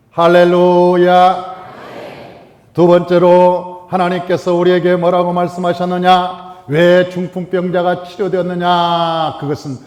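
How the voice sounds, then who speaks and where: A man preaches a sermon from the pulpit of a church sanctuary, pressing his points with repetition and sudden swings between loud and hushed lines. His voice sits high for a man. A long reverb from the hall trails after every phrase. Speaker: pastor.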